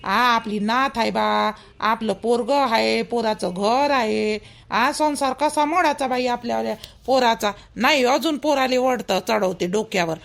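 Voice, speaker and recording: A woman voices a chatty, meddling, protective elder in a village cartoon, speaking colloquially with a Vidarbha Marathi accent as she gossips indignantly and hands out advice. Her voice is on the high side, a little slow and creaky.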